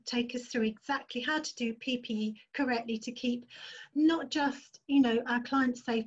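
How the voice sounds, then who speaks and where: A woman host speaking conversationally as she prompts and guides a demonstration. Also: a little high. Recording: dull, lo-fi sound.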